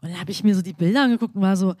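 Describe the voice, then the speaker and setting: A young woman co-hosting a podcast in casual chat, rambling and playful, quick to joke. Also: medium pitch, dark tone, dry recording, clean studio sound. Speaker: podcast co-host.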